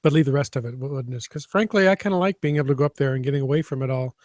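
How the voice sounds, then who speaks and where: A man's voice: medium pitch, rapid-fire, a little mellow, no room sound. A man co-hosting a casual podcast over a video call, wry and teasing, rambling a little with fillers. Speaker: podcast co-host.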